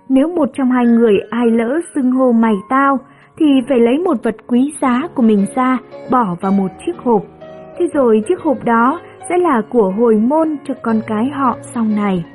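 A woman narrating a story in a gentle, measured storytelling voice. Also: fairly high pitch. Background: soft music.

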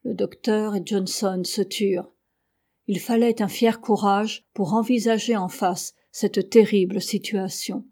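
Woman reading an audiobook, calm even storytelling, warm dark tone. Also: medium pitch, a little slow. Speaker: audiobook reader. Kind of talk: literary audiobook narration.

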